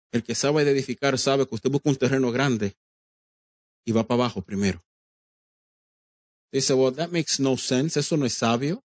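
A pastor delivers a sermon in a mid-range voice, preaching emphatically and speaking straight to the congregation. He acts out quoted dialogue and slips English phrases into his Spanish. The sound is dry, with no room tone.

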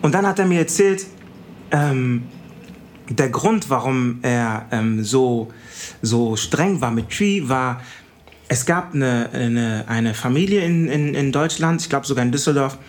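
A young man from Germany, a podcast guest telling stories in a casual, animated way and acting out the people he quotes. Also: medium pitch, a little slow. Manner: animated storyteller, acts out quoted voices. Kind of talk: casual storytelling chat.

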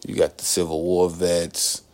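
A man co-hosting a casual podcast, telling stories in an animated, laughing way and swearing freely. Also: sits low, a little slow. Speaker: podcast co-host. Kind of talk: casual chat.

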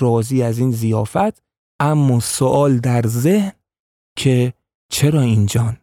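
Man, storyteller, measured dramatic narration, mellow, faint music behind. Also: mid-range voice, dry recording.

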